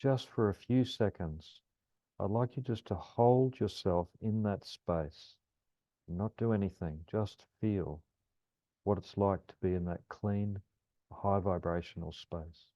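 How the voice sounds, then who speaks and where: A man guiding a calm grounding meditation, speaking gently and soothingly as a teacher. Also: low voice, slow pace. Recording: roomy, slightly dull lo-fi sound.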